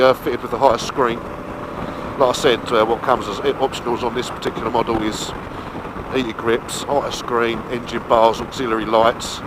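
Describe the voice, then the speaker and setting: A man giving casual, colloquial review commentary from inside a helmet while riding a motorbike. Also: medium pitch. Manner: colloquial, unhurried thinking aloud. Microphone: mic inside or on the helmet. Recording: muffled helmet mic, clear wind and engine noise.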